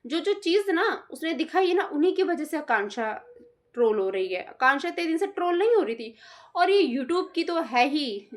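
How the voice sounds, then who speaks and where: A woman giving casual opinion commentary in a reaction video, indignant and scolding, often quoting others mockingly. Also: high-pitched.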